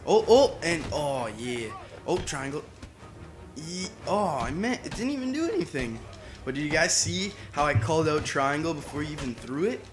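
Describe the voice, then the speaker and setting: A man's voice: on the high side, sing-song, moderate pace, over music. A young man giving casual let's play commentary, playful and boastful, often exclaiming as he plays. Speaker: gamer.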